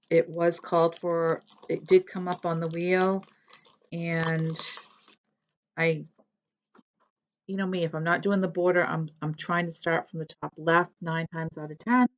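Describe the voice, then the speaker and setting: A woman's voice: on the low side, muffled recording, slight background noise. A woman chatting casually as a cross-stitch vlogger, rambling a little and correcting herself as she goes. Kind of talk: casual show-and-tell chat.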